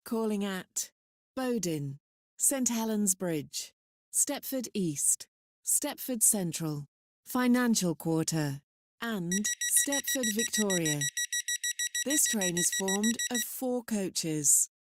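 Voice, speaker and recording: An automated woman's voice reading platform announcements over a station PA system, in a measured, evenly spaced way. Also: mid-range voice, lively intonation, very noisy. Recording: very echoey station loudspeaker.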